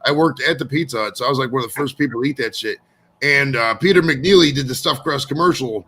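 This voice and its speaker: Bright-voiced man, rambling podcast host. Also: medium pitch, quick pace, husky. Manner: rambling, slangy, says bro and dude often. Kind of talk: casual, profane podcast chat.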